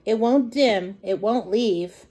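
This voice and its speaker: A middle-aged woman with a mid-range voice reads a children's picture book aloud at storytime, delivering it in an expressive, deliberate, sing-song manner.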